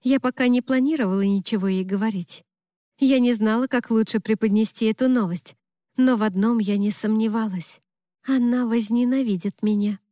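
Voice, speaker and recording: Woman narrating a novel, higher voice. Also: normal speed, mellow, no echo, clean studio sound. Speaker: audiobook narrator. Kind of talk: first-person novel reading.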